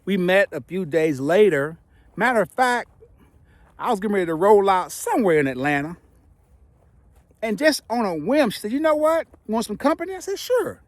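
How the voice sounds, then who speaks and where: In a high-pitched voice with lively intonation, a middle-aged man delivers relaxed, playful relationship advice to his viewers. His emphatic delivery features dramatic pauses, his retainers slightly get in the way, and there is no echo.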